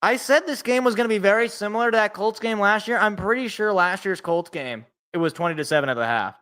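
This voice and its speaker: A sports podcast co-host in his twenties, he reacts live to a football game, calling plays and joking at his own expense with viewers. He talks fast in a high-pitched voice that is smooth yet sharp in tone.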